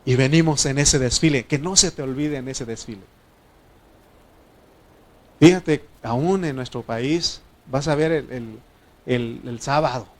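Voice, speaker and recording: A man with a Mexican Spanish accent preaching a sermon as pastor, swinging between loud declarations and quiet asides to the congregation. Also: mid-range voice, a little slow, pauses often.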